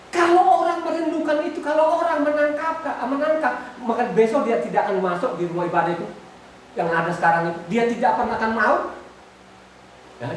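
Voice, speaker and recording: A woman preacher delivers an exhorting sermon, firing questions at her listeners and repeating key words. Her voice sits fairly high. She is heard from a distance in a very echoey room with a faint hiss behind her. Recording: echoey room, far from the mic.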